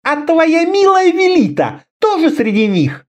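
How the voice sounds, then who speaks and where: A hot-tempered young woman who leads a band of outlaws, as a male narrator puts her on. She scolds sharply and often, her voice pitched well up. Her tone swings widely. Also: huge pitch swings, a little slow, exaggerated voice. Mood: scolding. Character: fierce young woman bandit leader, quick-tempered.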